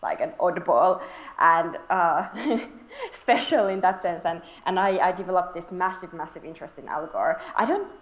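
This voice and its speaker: Young woman, chatty guest, lower voice, laughs a lot, roomy echo. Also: expressive, normal speed. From Finland. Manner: chatty, laughing often, many fillers and restarts. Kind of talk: casual interview chat.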